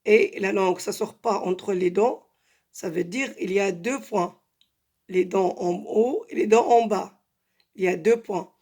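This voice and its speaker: A woman teaching Arabic letters, saying each sound three times and explaining patiently with many pauses and fillers. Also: mid-range voice, a little mellow. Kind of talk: slow spoken lesson, drilling letter sounds.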